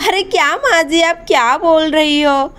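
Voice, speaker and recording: A kind young village daughter-in-law, as a woman plays her in a doll story. Her voice is high, and she talks in a gentle, reassuring way. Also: unhurried, soft background music. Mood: caring.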